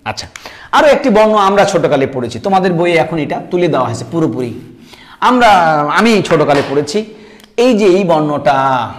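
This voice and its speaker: A middle-aged male teacher gives an online grammar lesson in a slightly high voice. He explains each point step by step, pausing on fillers and clearing his throat, and keeps checking that his students follow along. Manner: explains step by step, often asking "কেমন?" to check understanding.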